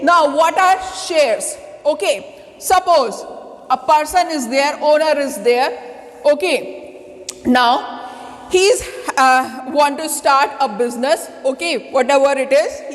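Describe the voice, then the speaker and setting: Slow, high-voiced woman teacher. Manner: slow, repetitive, with many fillers and restarts. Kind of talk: classroom lesson. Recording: long reverb.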